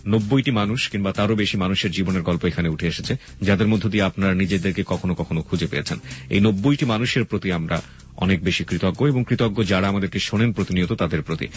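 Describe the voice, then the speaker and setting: A man's voice: sits low, quick pace. A man with a Bangladeshi accent hosting a radio show, explaining things directly to listeners. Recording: dull lo-fi radio broadcast sound.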